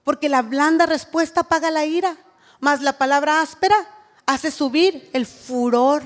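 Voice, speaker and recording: A woman's voice: high voice, moderate pace, big-room sound. A woman giving an earnest sermon at a women's church retreat, acting out what a mother says to her child.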